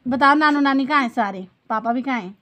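This is a casual family vlog in which a woman addresses viewers and family directly through a phone at arm's length. She has a high, fairly bright voice and talks fairly quickly, captured in a dry handheld recording with background noise.

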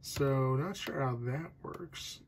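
A man shows off something he's selling at a table indoors, filmed on a phone camera. His medium-pitched voice moves slowly through loose, chatty talk that often trails off and starts over. The background is noisy, with radio and tape music going.

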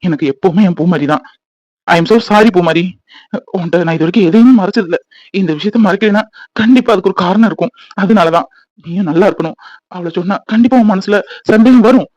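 A man's voice: sits high, a little mellow, dry recording, dull audio. A man voicing a loving young husband in a cartoon, earnest and reassuring. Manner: soothing, coaxing, explaining quickly.

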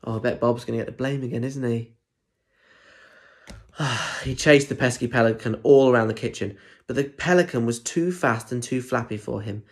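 In a plain room at home, a twenty-something British man reads a children's story to young listeners, playful and full of chatty asides and questions. He speaks at a moderate pace with medium pitch, recorded on a phone or tablet at arm's length.

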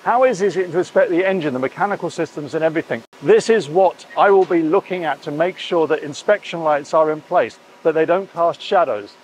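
Fairly quick and fairly high-pitched, a man in his forties barely pauses as he gives an enthusiastic, emphatic camera tour of a boat under construction and a big boatyard shed, repeating phrases like a vlog host. His clip-on lapel mic yields a rough recording with a little hiss or hum.

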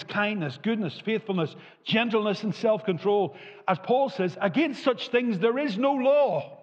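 An older man preaching in a church, his fairly high voice carried on a long hall reverb. He moves animatedly between loud, emphatic peaks and soft, quiet asides, and the recording sounds a little dull and muffled. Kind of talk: sermon. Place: church hall with a lit tree behind a lectern.

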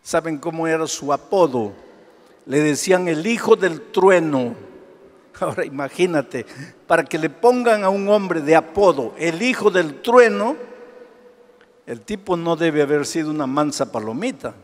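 Animated preaching man, big swings. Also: a little high, measured pace, big-room sound. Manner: preaches with rhetorical questions, swinging between hushed and loud. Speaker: pastor. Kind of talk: sermon.

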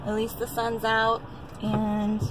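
A woman's voice: a little high, completely flat delivery, slow pace. A young woman chatting to her phone camera while driving, upbeat and rambling with lots of fillers. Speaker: vlogger. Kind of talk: casual chat to camera. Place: inside a car on the road. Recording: loud car road noise.

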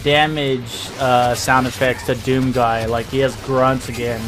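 Rowdy, slow-drawling young man reacting. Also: medium pitch, flat delivery. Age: young adult. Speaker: streamer reacting to a game showcase. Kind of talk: excited casual live reaction. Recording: clear game noise behind voice. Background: game sound and showcase audio.

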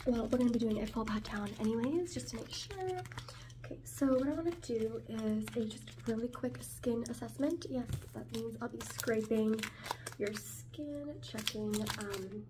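Soft ASMR role-play, woman as airport security officer. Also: fairly high pitch, moderate pace, close to an everyday voice. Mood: suspicious, firm. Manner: soft-spoken, procedural, repeating instructions. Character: brisk, suspicious female airport security officer. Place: small room at home, indoors. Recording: distant mic, clear background noise, clicks.

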